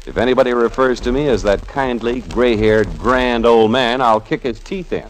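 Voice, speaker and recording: A man's voice: medium pitch, moderate pace, lightly acted, rough recording. An actor playing a wisecracking middle-aged male journalism professor with a dry, sardonic manner, in 1940s radio acting style. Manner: sardonic, quippy. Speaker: narrator and lead.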